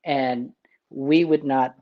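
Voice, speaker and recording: Man, priest, very slow pace, chuckles a lot, lots of uh and um pauses, casual cooking demo. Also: medium pitch, fairly even intonation, muffled recording. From Vietnam. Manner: unhurried, chuckling, many filler pauses.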